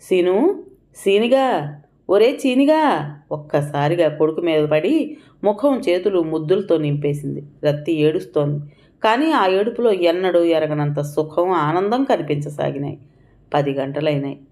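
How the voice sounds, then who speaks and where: A woman's voice: low-pitched, moderate pace, a little mellow. A woman narrating a story as an audiobook, reading with feeling and taking on the characters' cries and pleas.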